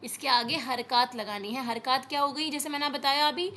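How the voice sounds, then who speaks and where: A woman teaching an Arabic lesson, reading words slowly and explaining them patiently with frequent checks on understanding. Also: high voice, pushed and bright, a little hiss or hum. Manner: explains patiently, repeats words, often says "theek hai" to check understanding. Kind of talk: classroom lesson.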